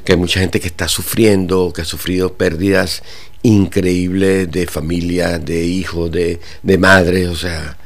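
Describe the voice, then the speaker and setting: An older man from Venezuela, a guitar teacher, speaking haltingly with many pauses and fillers in a radio interview. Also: low voice, flat delivery. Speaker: guitar teacher and orchestra director.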